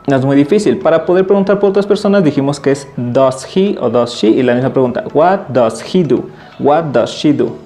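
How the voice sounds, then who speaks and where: A man teaching an English lesson in Spanish, patiently repeating example phrases slowly and clearly. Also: medium pitch, warm tone. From Mexico.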